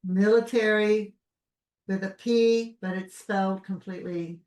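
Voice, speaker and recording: A woman with a Brooklyn accent hosts a casual conversation. She sounds a bit far from the microphone, in a room with clear echo. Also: medium pitch, fairly even intonation, a little slow, a little mellow. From Brooklyn, New York. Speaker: podcast host. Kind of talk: casual chat. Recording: roomy echo, distant from mic.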